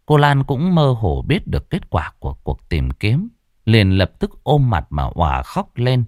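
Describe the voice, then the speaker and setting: A man narrating a ghost story in an expressive storytelling manner. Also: medium pitch, unhurried, no room sound, clean studio sound.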